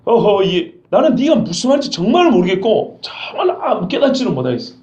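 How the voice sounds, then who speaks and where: A man's voice: high voice, sing-song, brisk, darkish tone. A male pastor voicing a flustered man who evasively feigns not to understand. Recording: roomy dull church recording.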